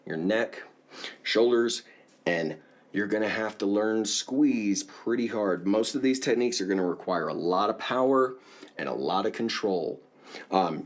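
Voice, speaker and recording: A man teaching a casual singing lesson, explaining in a relaxed way and often checking in with the viewer. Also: fairly low pitch.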